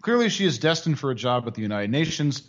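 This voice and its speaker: A commentary show host delivers sarcastic narration full of dry, mocking asides. His medium-pitched voice swings widely in pitch and moves fast, and the lo-fi audio sounds dull.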